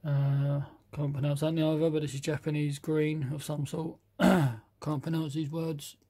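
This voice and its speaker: A British man casually reviewing a box of model paints, reading out colour names haltingly and admitting he can't pronounce some. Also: on the high side, little pitch movement, mellow.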